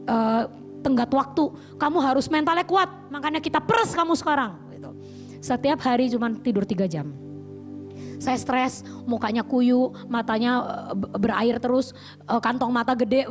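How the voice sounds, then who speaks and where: A woman evangelist with a fairly high voice gives a testimony sermon at a youth service. She tells her story vividly, acting out her own panic and prayers, and keeps asking the listeners questions. Soft music plays faintly behind her. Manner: addresses listeners directly with questions.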